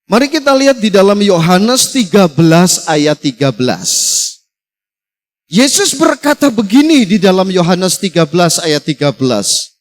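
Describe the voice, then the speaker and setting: A man's voice: sits high, sing-song, measured pace. A man pastor preaching a sermon, emphatic and full of rhetorical questions.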